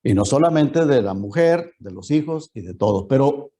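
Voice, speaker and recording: A man's voice: mid-range voice, expressive, normal speed, warm tone. A man preaching a Bible lesson as pastor in a church, often turning to the congregation with rhetorical questions.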